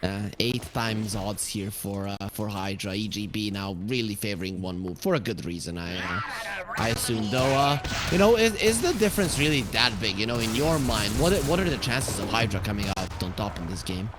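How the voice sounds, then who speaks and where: A man commentating a live esports match, calling the action play-by-play and building excitement as fights break out. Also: lowish voice, moderate pace, noisy background.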